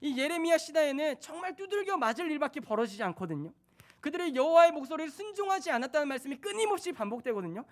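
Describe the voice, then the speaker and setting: A man's voice: very high voice, big pitch swings, fast. A man in his thirties, a junior pastor, preaching a sermon in a church in a conversational way, asking questions of the congregation. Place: church sanctuary.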